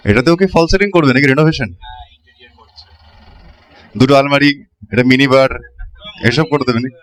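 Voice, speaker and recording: A man's voice: mid-range voice, normal speed, poor audio. A man doing casual, exclamatory vlog chat full of questions, speaking from inside a motorcycle helmet. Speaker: motovlogger. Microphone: helmet-mounted camera, worn inside a helmet.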